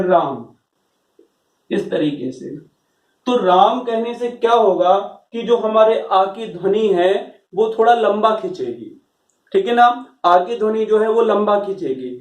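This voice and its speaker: A man's voice: sits high, a little mellow. A man teaching a grammar lesson to a class, explaining patiently and checking often that students follow. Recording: roomy echo, voice from far off.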